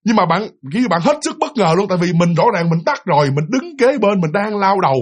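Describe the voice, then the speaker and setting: A young man tells a spooky tale in a chatty, stumbling way. He talks very fast in a husky voice. His pitch sits somewhat high. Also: very animated. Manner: chatty, repeats words and stumbles. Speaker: storyteller. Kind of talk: casual ghost story narration.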